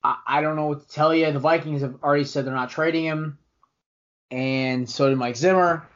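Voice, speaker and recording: A young man on a sports podcast rambles through his takes, restarting sentences and getting worked up. His voice sits a bit high for a man. The recording sounds dull and lo-fi. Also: moderate pace. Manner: rambling, restarts often, animated opinions. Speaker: podcast co-host. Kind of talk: casual sports chat.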